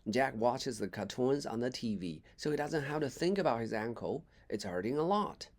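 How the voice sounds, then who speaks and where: A male English teacher narrates a children's story at normal speed in a medium-pitched voice, full of expression and dotted with little slips and side comments.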